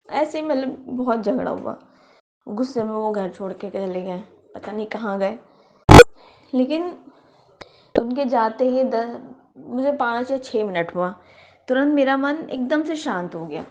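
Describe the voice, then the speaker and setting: A woman's voice: on the high side, darkish tone, dull audio. A woman in her thirties earnestly sharing a devotional personal testimony, often repeating phrases for emphasis.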